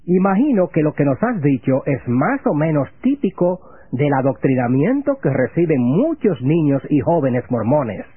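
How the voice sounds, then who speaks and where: A man's voice: a little high, big pitch swings, husky, no room sound. Formal religious radio host, man. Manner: formal, measured, reverent. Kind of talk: scripted religious radio interview. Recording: phone-like lo-fi radio broadcast.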